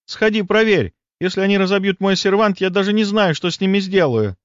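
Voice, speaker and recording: A man's voice: sits high, brisk, smooth, no echo, pitched above the performer's own voice, lightly acted. A man reading an audiobook voices a puzzled, house-proud young woman in a raised, exasperated tone. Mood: puzzled, fretful. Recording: dull lo-fi dry audiobook recording.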